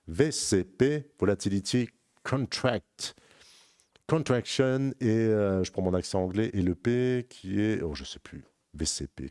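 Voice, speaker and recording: Man, very low pitch, dry close sound, casual trading analyst, rapid rambling delivery, corrects himself often. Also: darkish tone, no echo. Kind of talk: casual chart walkthrough addressing viewer as tu.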